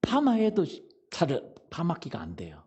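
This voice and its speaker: A man's voice: fairly high pitch, huge pitch swings, measured pace, warm tone. A middle-aged man preaching a sermon as pastor, telling humorous stories and asking the congregation questions. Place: church sanctuary.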